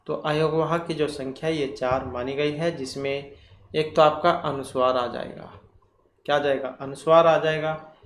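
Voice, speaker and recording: A man teaching Sanskrit grammar for exam preparation. He works through quiz questions slowly and deliberately, asks himself questions and repeats the key terms. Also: fairly high pitch, fairly even intonation. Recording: echoey room, faint ambient noise.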